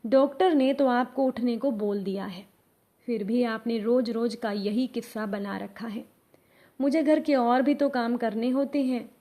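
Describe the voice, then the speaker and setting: A woman voicing a young, weary daughter-in-law who talks in a soft, complaining way in a spoken story. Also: fairly high pitch, fairly even intonation, measured pace.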